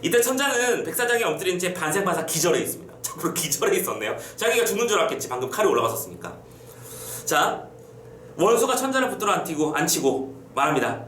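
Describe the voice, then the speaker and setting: A male teacher with a high, very lively voice, lecturing his students in a playful, chatty way and throwing quick questions at them. He sounds a little away from the mic in an echoey room, with a faint hum behind him. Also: distant mic. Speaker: Korean literature teacher.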